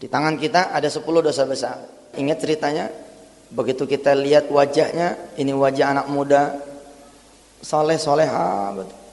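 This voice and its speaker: A man preaching a sermon, switching between lively talk and melodic chanted recitation of verses. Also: on the high side, moderate pace, gravelly. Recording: long hall reverb.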